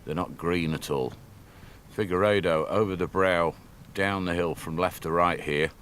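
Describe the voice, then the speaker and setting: A man's voice: deep voice, normal speed, a bit bright, slight background noise. A man giving live golf commentary in a conversational, observational way.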